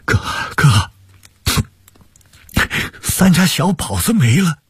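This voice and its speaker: Husky weepy younger bro, voice jumps up high, man acting it out. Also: wildly swooping pitch, normal speed, no room sound, clean studio sound, heavily acted. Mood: distraught. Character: younger brother, weepy and distraught.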